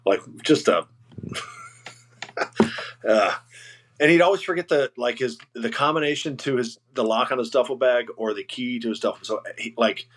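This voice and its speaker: A man's voice: medium pitch, a bit bright, a little hiss or hum. A middle-aged man, a retired army sergeant, chatting as a podcast guest, laughing and swearing as he recalls an old comrade. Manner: laughing, profane, halting with restarts. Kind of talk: casual chat.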